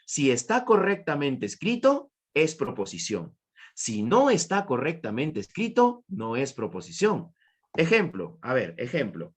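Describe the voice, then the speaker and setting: Man, teacher, Peruvian Spanish accent, animated intonation, repetitive, asks questions, praises answers. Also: medium pitch, a little slow, breathy edge. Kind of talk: online class lecture.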